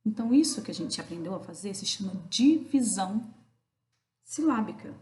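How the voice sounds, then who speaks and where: Woman teacher, patient, mid-pitched, asks and answers her own questions, echoey room. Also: expressive, a little mellow. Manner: spells out syllables slowly. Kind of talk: recorded video lesson for children. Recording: roomy echo.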